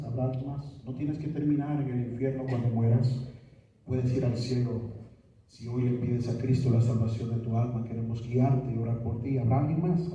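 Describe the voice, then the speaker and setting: A man's voice: medium pitch, dark tone, highs cut off, slight background noise. Pleading male preacher in echoey hall. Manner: pleading, repetitive appeals. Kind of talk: sermon altar call. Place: church sanctuary. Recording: echoey church hall from far off.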